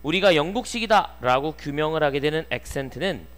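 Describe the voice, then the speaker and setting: A male English teacher giving an exam-prep lecture who goes through the sentences line by line and reads the English parts slowly. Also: fairly high pitch, expressive, a bit bright.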